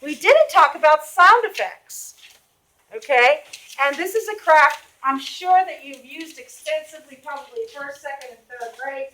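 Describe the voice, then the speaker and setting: High, bright-voiced Boston-accented teacher. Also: female voice, expressive, normal speed. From Boston area. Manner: questioning, calls on students by name. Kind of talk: classroom reading lesson. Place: classroom. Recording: echoey classroom.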